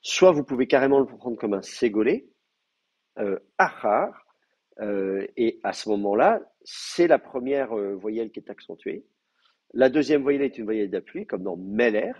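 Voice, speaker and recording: A man's voice: on the low side, expressive, normal speed, darkish tone. A man teaching a language class, explaining step by step and thinking aloud, with frequent hesitations and fillers. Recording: muffled lo-fi class recording.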